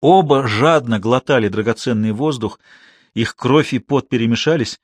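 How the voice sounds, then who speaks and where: A man reading a novel aloud as an audiobook narrator, steady and measured. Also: medium pitch, no echo.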